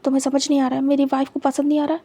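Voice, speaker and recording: A woman voicing a devoted young husband who speaks in a soft, hushed, reassuring way. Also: high voice, monotone, rapid-fire, pitched below the performer's own voice. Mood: tender.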